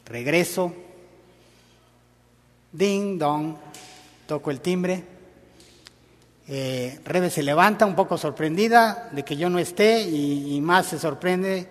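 A man's voice: on the high side, unhurried, long reverb tail. A man preaching a sermon in a conversational, storytelling way.

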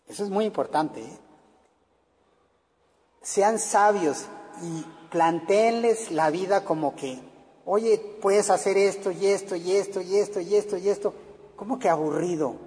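Fillers pepper this earnest sermon to parents from a middle-aged man with a Mexican accent. His pitch is fairly high and a touch mellow, and a long reverb tail follows his words.

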